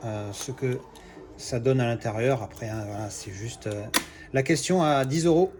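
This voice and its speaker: A man's voice: on the high side, a little mellow. A man talks through an unboxing in a loose, chatty way. He hesitates often, restarts his sentences and swears casually as he goes. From Marseille, France. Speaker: collector doing unboxings.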